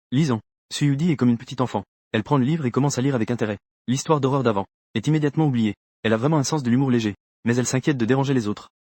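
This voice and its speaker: A man narrating a first-person story for a comic dub with a rapid, even delivery. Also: mid-range voice, no echo.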